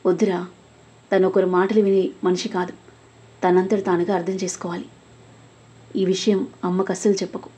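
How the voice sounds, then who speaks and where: A woman voicing a calm, protective elder brother who speaks softly and reassuringly in an audio story. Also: fairly low pitch, normal speed, pauses often, slightly rough. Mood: quiet reassuring.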